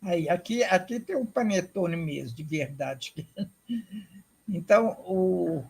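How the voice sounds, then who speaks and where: A woman giving an academic lecture, explaining slowly and deliberately, repeating herself and checking in with her audience. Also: lowish voice, animated, gravelly, darkish tone, breathy edge.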